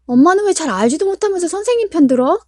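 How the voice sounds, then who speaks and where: A woman's voice: high voice, very animated, quick pace, darkish tone, dry recording, clean studio sound, pitched above the performer's own voice. A woman voicing an upset young schoolchild who complains and talks back in a whiny, indignant way. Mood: aggrieved.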